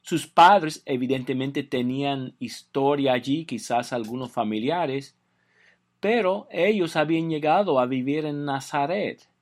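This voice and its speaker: An older man from the southern United States, a native English speaker, giving a calm, measured recorded Bible lesson for a phone line. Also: medium pitch. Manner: calm, measured, reads scripture slowly. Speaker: Bible teacher.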